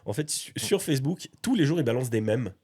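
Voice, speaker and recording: A man's voice: medium pitch, sing-song, fast, a little mellow, slightly rough. A man from Valais hosting a casual, teasing chat about a game library and laughing often. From Valais, Switzerland. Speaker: host.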